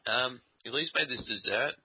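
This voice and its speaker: A man's voice: mid-range voice, animated, moderate pace, breathy edge. A man casually chatting and teasing his co-host while they play a game together at his computer, swearing freely. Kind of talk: casual gaming chat. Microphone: desk microphone. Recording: dull lo-fi dry sound.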